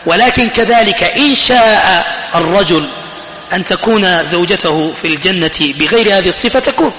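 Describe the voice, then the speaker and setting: A man's voice: high-pitched, normal speed, pushed and bright, a little hiss or hum. A man preaching a sermon to an audience, emphatic and repeating his phrases, rising sharply when he exhorts. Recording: echoey hall, faint ambience.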